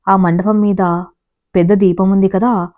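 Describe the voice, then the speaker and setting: A woman's voice: mid-range voice, level tone, unhurried, highs cut off, natural voice. Woman voicing a scheming spiteful woman.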